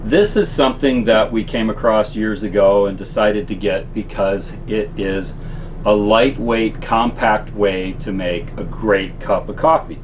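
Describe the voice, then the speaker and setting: Male RV vlogger, lowish voice, folksy explainer doing a casual demo inside a small camper, clear background noise. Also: a little slow. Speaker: presenter of RV living gear tips. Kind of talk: casual product demonstration. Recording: constant air-conditioner-like background noise.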